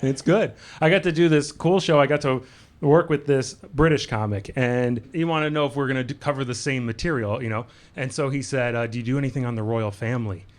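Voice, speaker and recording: A man's voice: mid-range voice, a little fast. A man performing stand-up in a comedy club, playful and self-amused, working the crowd. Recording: live club recording with audience noise.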